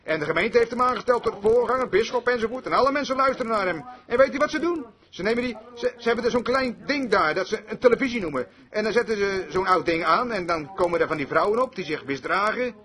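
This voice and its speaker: Bright high-voiced male preacher. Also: expressive, fast talker, hardly any pauses. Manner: storytelling preacher who acts out dialogues. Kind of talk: sermon.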